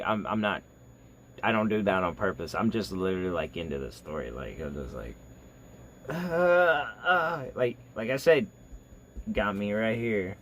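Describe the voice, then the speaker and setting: A man hosting a reaction video, talking casually in a rambling, halting way full of fillers. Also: fairly low pitch, fairly bright tone. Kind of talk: casual chat.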